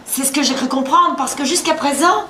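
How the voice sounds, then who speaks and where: An actress playing a composed, ironic hostess in a live stage farce, measured and cutting. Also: female voice, high voice, sharp tone. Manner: measured, cutting, drawn-out irony. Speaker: stage actor. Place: theater stage with live audience. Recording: roomy theater with background noise.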